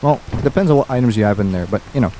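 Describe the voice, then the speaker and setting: A man's voice: mid-range voice, expressive, very fast, warm tone, slight background noise. A young man streaming a game, rambling and musing aloud with easy chuckles as he plays. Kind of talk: casual gameplay commentary.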